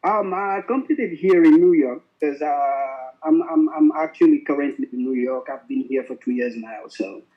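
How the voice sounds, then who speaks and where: Senegalese French-accented man on a dull call. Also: on the high side. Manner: halting, many restarts. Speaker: contestant artist. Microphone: video call. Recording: dull, lo-fi video-call audio.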